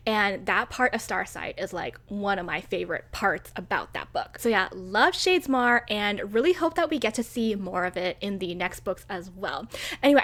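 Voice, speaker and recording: A young woman chatting casually about a book she loved, excitable and gushing, with lots of "like" and "oh my god". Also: on the high side. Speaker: book reviewer.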